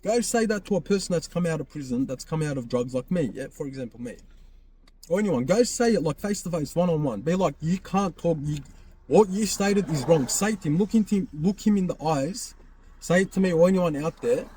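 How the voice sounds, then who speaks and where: Emphatic man, warm low tone. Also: expressive, brisk, slight background noise. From Australia. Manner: emphatic, repetitive, keeps asking "right?". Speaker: podcast host. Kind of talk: candid personal monologue.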